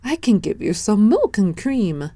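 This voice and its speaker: A woman's voice: mid-range voice, big pitch swings, measured pace, warm tone, husky, dry recording, pitched above the performer's own voice, heavily acted. A woman voicing a helpful cow in a children's storybook reading. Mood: friendly.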